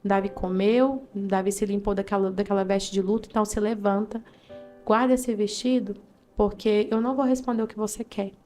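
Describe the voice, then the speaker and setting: Uma jovem missionária com sotaque brasileiro dá seu testemunho pessoal com emoção, contando cenas vivas e imitando as falas das pessoas. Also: female voice, mid-range voice, fairly even intonation, brisk, mellow, faint music behind. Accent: Brazilian. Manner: fervent, vivid storytelling with acted-out quotes. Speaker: missionary giving testimony. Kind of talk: emotional personal testimony in an interview.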